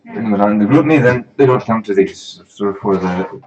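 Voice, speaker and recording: A young man with a fairly low voice leads a live-streamed study session. He talks in a loose, casual way and pokes fun at himself. He sounds like a teaching assistant talking to students. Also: moderate pace, darkish tone, muffled recording. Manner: casual, self-deprecating, livens up when addressing viewers.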